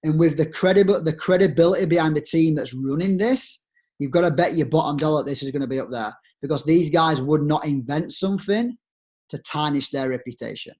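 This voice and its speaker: Speaking briskly in a slightly mellow voice, a young man with a strong Yorkshire accent makes a lively sales case to network marketers on a screen share, asking many rhetorical questions.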